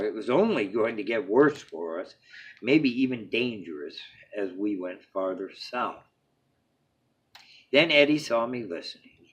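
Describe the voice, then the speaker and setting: Reading a bedtime story from a children's book, a man with a husky, mid-range voice uses dramatic delivery: each phrase starts emphatically and fades to a hush.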